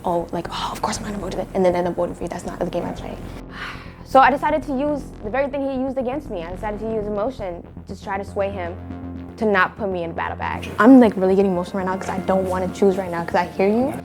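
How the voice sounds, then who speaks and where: A woman's voice: medium pitch, fast. A woman reality game contestant speaking candidly and emotionally in a rambling, casual way. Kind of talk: casual confessional and strategy talk. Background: music.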